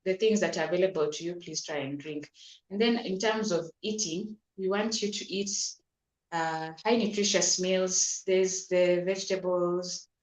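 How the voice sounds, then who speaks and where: Woman doctor, lower voice, roomy. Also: steady tone, moderate pace, a little mellow. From Kenya. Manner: explains patiently with repeated words and restarts. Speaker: doctor giving health advice. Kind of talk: advisory interview answers. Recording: roomy echo.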